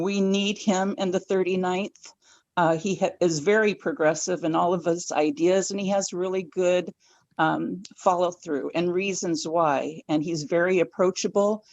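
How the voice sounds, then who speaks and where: A woman with a lowish voice speaks quietly and hesitantly in support of a motion, pausing on fillers. The sound is dry and dull, as if carried over a video call. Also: no echo. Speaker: caucus member.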